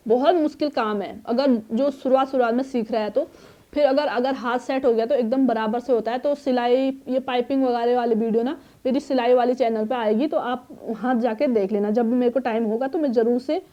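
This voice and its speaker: A woman's voice: on the high side, steady tone, dark tone, muffled recording. A woman in her thirties from Uttarakhand who runs a boutique, answering viewer questions in a chatty, advising way from her small shop. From Uttarakhand, India. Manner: chatty and advising, reads comments aloud, pauses to cough and clear throat. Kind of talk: casual Q&A talk to camera. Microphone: phone on a tripod.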